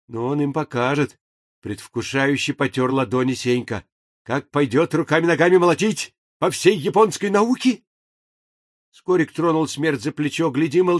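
A man narrating an audiobook in a measured, even storytelling manner. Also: medium pitch, no room sound. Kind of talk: scripted narration. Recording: dry booth recording.

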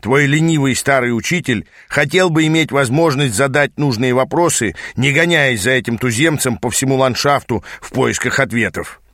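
A man voicing a gruff, impatient male demon mentor who growls and grumbles, in an audiobook reading. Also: mid-range voice, normal speed, few pauses, fairly bright tone, no echo, clean studio sound, natural voice. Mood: grumbling.

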